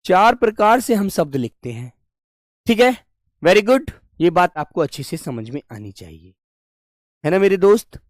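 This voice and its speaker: A young man teaching a live online Hindi class, patient and deliberate, repeating each point and calling students his dear children. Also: sits high, sing-song, dry recording, clean studio sound. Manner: slow and deliberate, breaks words into parts.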